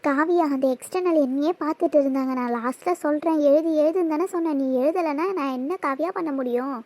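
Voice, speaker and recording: A high, girlish cartoon voice, fast and earnest, as a woman plays her. She is an anxious schoolgirl begging her friend to understand. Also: warm tone, no room sound, close to an everyday voice. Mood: pleading. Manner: pleading, defensive. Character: pleading, anxious schoolgirl Sathya. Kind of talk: cartoon voice acting.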